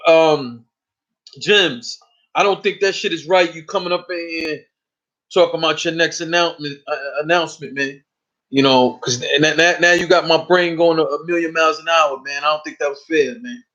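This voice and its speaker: A man's voice: a little high, normal speed, pushed and bright. Profane, repetitive man hosting a lo-fi stream. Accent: New York. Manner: loose, profane, repeats words. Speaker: host. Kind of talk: casual live-stream chat. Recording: dull lo-fi stream audio.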